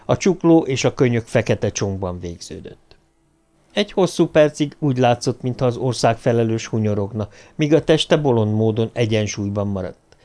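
Male audiobook narrator, mid-pitched. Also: lively intonation, warm tone.

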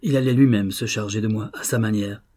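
A man narrating an audiobook in a steady, measured storytelling manner. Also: on the low side.

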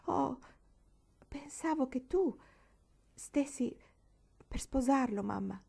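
A woman voicing a small, anxious, emotional girl in a storybook reading, speaking high and excited with tearful outbursts. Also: slow, gravelly, husky, heavily acted.

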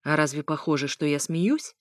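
A woman's voice: deep voice, moderate pace, no room sound, studio quality, close to an everyday voice. Ex-husband, man, sarcastic and stern, firm delivery read by a woman narrator. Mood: mocking. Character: smug, mocking male ex-husband.

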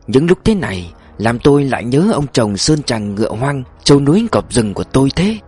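A man's voice: medium pitch, sing-song, brisk, darkish tone, breathy edge, soft background music. A man reading the lines of a blunt, earthy old mountain woman who laments and coaxes, in a storybook. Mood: choked lament. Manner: lamenting, coaxing.

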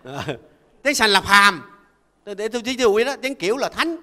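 An older Buddhist monk gives a folksy, conversational dharma talk and keeps asking listeners to agree. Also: male voice, high-pitched, expressive, brisk, pushed and bright, in a large hall. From Vietnam. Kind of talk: conversational sermon.

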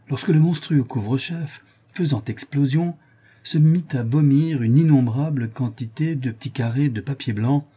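A man narrating a short story aloud in a measured, expressive way. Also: medium pitch, husky. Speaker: audiobook reader.

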